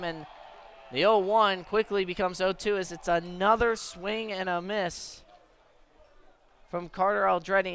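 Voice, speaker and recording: A man with a high, somewhat bright voice calls live radio play-by-play as a sports announcer from a broadcast position at a sports venue. Clear ambient venue noise comes through the live broadcast.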